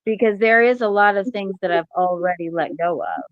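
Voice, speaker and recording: A woman guest on a podcast, talking casually in a reserved, measured way. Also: medium pitch, no echo. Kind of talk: casual conversation. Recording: dry, slightly dull lo-fi sound.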